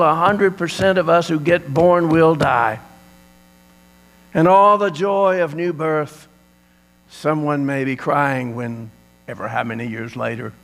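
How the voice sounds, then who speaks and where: Slow, gravelly preacher in an echoing hall. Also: male voice, fairly high pitch. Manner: dramatic storytelling with swelling emphasis. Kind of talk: Easter sermon.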